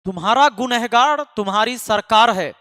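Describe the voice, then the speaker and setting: Emphatic high-voiced man scolding students. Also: moderate pace, bright, forceful tone, dry recording, clean studio sound, in a large hall. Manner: emphatic and scolding, repeating lines for force. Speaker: online exam-prep math teacher. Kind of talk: impassioned address to students.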